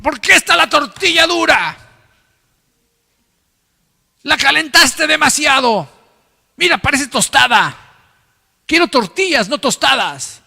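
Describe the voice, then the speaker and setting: A man's voice: extremely high pitch, animated, slow pace, vocal fry, long pauses, bright, forceful tone, long reverb tail, pitched above the performer's own voice, exaggerated voice. A man voicing a proud, grumbling man who complains about his food. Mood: indignant. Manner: whiny, indignant complaining. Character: proud grumbling man scolding over hard tortillas.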